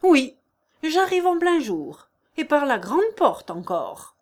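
A woman's voice: high-pitched, very animated, slow, pitched above the performer's own voice, heavily acted. A woman reading the part of an old, proud, hearty peasant carpenter man in an audiobook, in an emphatic, exclamatory manner.

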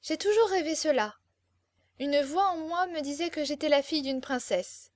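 A woman performs a vain, romantic young girl in an audiobook. She pleads eagerly and breathlessly, pitched high, in a dry, close recording with no room sound. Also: normal speed, no echo, close to an everyday voice. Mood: dreamy. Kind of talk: audiobook character reading.

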